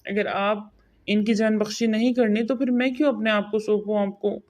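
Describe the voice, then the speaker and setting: A woman's voice: mid-range voice, steady tone, darkish tone, close to an everyday voice. A woman voicing a young bride in a spoken romance novel, tearful but defiant. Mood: pleading.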